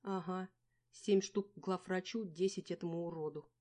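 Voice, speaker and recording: A woman reading an audiobook, voicing a shrill, irritable young woman in debt who argues sharply. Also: fairly even intonation, moderate pace, dark tone, natural voice. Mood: snappy, grumbling. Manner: snappy, exasperated arguing. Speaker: character in an audiobook.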